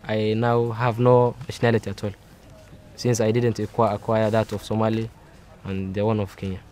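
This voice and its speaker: Low-voiced young man, earnest and stumbling. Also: flat delivery, normal speed, darkish tone. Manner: earnest, stumbling over words. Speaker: refugee. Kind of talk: interview answers.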